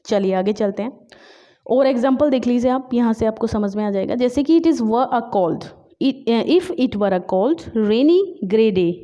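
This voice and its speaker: A woman teaching English literature for exam prep, explaining in Hindi mixed with English, often checking in with "है ना?" and reading English examples slowly. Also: mid-range voice, warm tone. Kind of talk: online exam-prep class. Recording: dull lo-fi recording.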